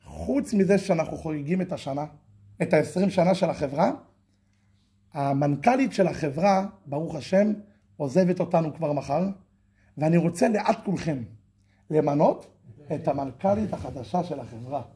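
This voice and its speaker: Man doing a generous rich businessman, low confiding tone, raspy voice. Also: dark tone. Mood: announcing. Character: wealthy middle-aged male business owner, generous.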